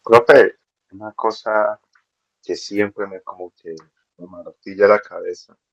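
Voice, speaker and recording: A fairly low-voiced man asks his teacher a hesitant question on a video call, talking slowly and feeling his way through it. His voice is dry and somewhat dull, as if it comes over a modest computer microphone. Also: steady tone, gravelly. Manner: hesitant, searching for words. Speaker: student. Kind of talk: asking a question in class. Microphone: remote participant on a video call.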